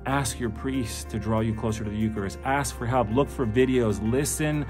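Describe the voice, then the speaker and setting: A man's voice: mid-range voice, moderate pace, over music. Fervent middle-aged man giving testimony. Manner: fervent, emphatic, pleading. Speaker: speaker giving a faith testimony. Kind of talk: personal testimony and exhortation.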